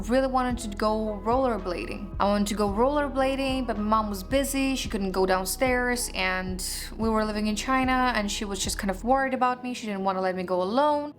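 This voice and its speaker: Woman, slightly high voice, chatty makeup-vlog host who wanders into anecdotes, soft music behind. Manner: chatty, drifts into personal anecdotes and pep talk. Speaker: beauty vlogger. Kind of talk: casual makeup tutorial chat.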